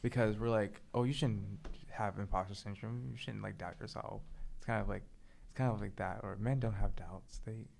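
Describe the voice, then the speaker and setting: A young man chats on a podcast, hesitant and searching, often circling back to restart a sentence. His voice sits low with a gravelly, fried edge. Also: fairly even intonation, normal speed, a little mellow, slight background noise. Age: young adult. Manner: hesitant, restarts phrases while thinking. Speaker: podcast co-host. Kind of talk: casual chat.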